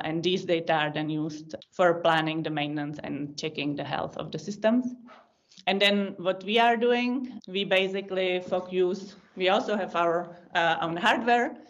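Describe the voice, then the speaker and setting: A woman in her thirties with a Czech accent, a podcast guest explaining her work in long, thoughtful lists with small restarts. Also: on the low side. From Czech Republic. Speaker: podcast guest, data science team lead. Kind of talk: casual interview answers. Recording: lo-fi video call audio.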